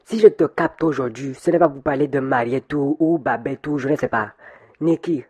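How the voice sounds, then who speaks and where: Woman playing a coaxing, mellow best friend. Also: very deep voice, normal speed, husky. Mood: friendly. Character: cheerful young woman, engaged, fond best friend. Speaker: best friend character in an audio web series. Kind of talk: amateur audio drama acting.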